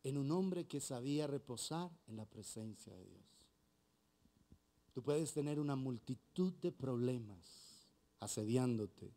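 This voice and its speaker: A man's voice: medium pitch, expressive, unhurried, dark tone. A man with a Colombian accent preaching a sermon as pastor, acting out bits of dialogue. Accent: Colombian Spanish.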